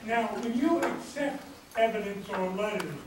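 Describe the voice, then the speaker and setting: An attendee asking a drawn-out question at a public meeting, heard from afar in a hall. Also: mid-range voice. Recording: echoey hall, distant mic, noise.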